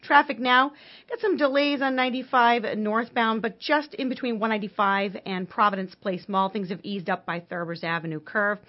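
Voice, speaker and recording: Woman reading news over muffled AM radio. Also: medium pitch. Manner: brisk, even newsreader delivery. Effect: muffled AM radio broadcast sound. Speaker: news, traffic and weather reader. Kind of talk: scripted radio news read. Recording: dull AM radio broadcast.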